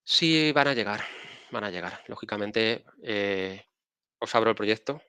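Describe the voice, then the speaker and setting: A man with a Spanish accent, a guest speaker casually explaining software on a live stream while showing his screen, often restarting his phrases. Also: fairly low pitch, animated, a little slow, smooth, no echo. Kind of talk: technical live-stream talk.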